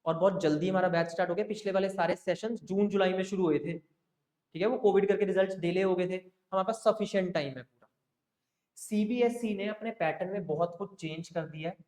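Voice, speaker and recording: His voice sits high and a little mellow, and he talks a bit fast as he leads an accounting class through the basics. This coaxing male teacher keeps checking in with his students, in a room with a roomy echo.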